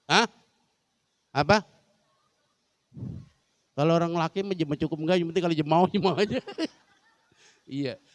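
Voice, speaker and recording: A man's voice: fairly high pitch, fairly bright tone, no echo. A man teaching a humorous Islamic study lesson in a large mosque, joking and constantly quizzing the women listening. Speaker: religious teacher.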